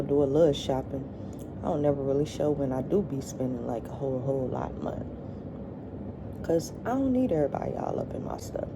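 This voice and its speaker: A middle-aged woman vlogger chatting casually to her viewers while eating, in a halting, colloquial way. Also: low voice, noisy background.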